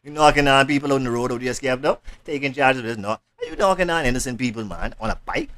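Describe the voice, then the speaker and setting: A man giving casual, jokey reaction commentary, talking back to a song and now and then yelping into high voices. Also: fast. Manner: animated, jokey, yelps into high put-on voices.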